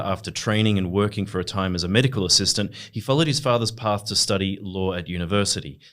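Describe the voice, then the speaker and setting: A polite, formal man hosts a podcast interview. His voice sits on the low side and he speaks with courteous care. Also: fairly bright tone. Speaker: podcast host. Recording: audio podcast.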